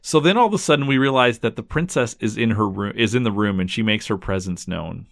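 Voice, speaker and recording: A man hosting a casual episode recap, thinking aloud in halting, repeated phrases. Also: on the low side, creaky, no room sound. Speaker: podcast host recapping a cartoon episode. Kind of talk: casual recap chat with read-out dialogue.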